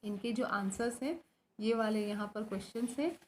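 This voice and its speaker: Woman teacher, Rajasthani Hindi accent, grammar lesson, asks and answers her own questions, slightly high voice. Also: normal speed, a little mellow, a little hiss or hum. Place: school.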